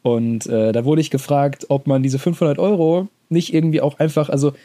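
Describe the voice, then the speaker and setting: A man's voice: a little high, steady tone, fairly quick, mellow. A young man co-hosting a podcast, talking casually in a rambling way with slangy asides. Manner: rambling, many restarts and fillers, slangy. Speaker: podcast co-host.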